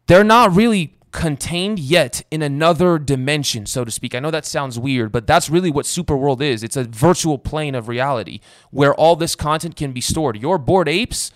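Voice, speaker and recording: A man hosting a show from his apartment, talking straight to the viewers with excitement before bringing on his guest. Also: fairly high pitch, normal speed, no echo. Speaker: podcast host. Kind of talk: enthusiastic tech interview intro.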